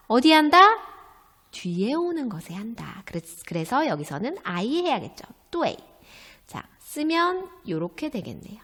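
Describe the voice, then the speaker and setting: A woman with a fairly high, lively voice teaches a recorded Chinese lesson. She speaks slowly and carefully, asking questions and then answering them herself. A long reverb trails her words. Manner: slow, careful drilling of pinyin sounds.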